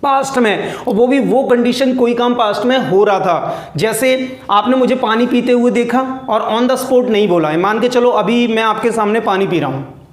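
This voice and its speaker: High-voiced male English teacher, echoey room. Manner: asks questions and answers them himself, slows right down to say English sentences. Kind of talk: spoken English lesson.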